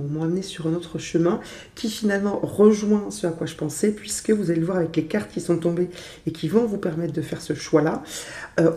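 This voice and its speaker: A woman, stuffy with a cold, reads tarot in a gentle, chatty way, full of small fillers. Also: on the low side, echoey room. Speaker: tarot reader. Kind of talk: casual tarot reading to camera.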